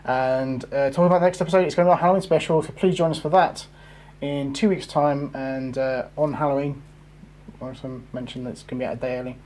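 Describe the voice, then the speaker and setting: A man's voice: medium pitch, steady tone, quick pace, darkish tone. Guy hosting a gaming podcast, loose and rambly, faint hum behind. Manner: rambling, lots of fillers and swearing. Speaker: podcast host. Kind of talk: casual gaming chat.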